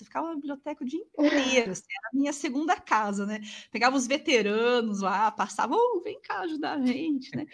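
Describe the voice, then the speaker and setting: A woman in her forties with a Brazilian Portuguese accent, a professor telling stories from her student days in a chatty, animated way. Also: fairly high pitch. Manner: animated, chatty, constant tag questions. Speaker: university professor and guest. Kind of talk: casual storytelling in a conversation.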